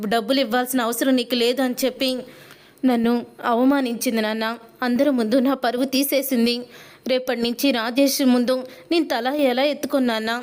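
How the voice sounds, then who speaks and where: A woman's voice: a little high, lightly acted. A woman voicing an angry, proud young husband in a serial recap, her delivery accusing and reproachful.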